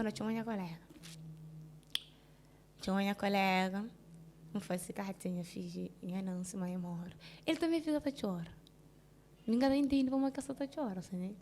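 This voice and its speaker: A woman with a Cape Verdean Creole accent speaks with a slightly high voice. Her telling is halting and full of restarts. She keeps checking whether the listener understands, mostly subdued, with sudden bursts of emphasis. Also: a little mellow, a little hiss or hum. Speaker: interviewee. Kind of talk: personal account in a casual interview.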